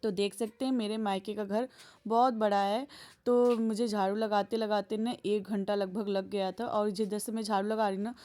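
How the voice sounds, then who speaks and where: A woman's voice: medium pitch, steady tone, moderate pace. A woman vlogger narrating her daily chores in a homely, chatty voice-over. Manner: homely, chatty, gentle storytelling.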